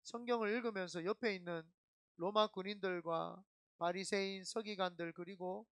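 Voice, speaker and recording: A middle-aged man, a senior pastor, preaching a sermon in an emphatic, animated storytelling way. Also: high voice, normal speed, no echo.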